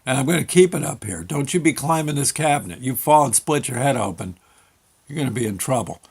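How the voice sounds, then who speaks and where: A man voicing a mother who scolds her small son, in a sharp raised voice. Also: mid-range voice, animated, fairly quick, creaky, husky. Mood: firm. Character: scolding but caring mother of a small boy.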